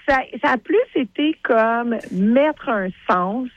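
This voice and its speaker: Une femme à l'accent québécois, invitée d'une émission de radio, raconte son histoire avec animation et imite les répliques. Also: female voice, fairly high pitch, slow pace, lo-fi sound. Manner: animated storyteller who acts out quotes. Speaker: guest, creator of a TV series. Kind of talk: radio interview.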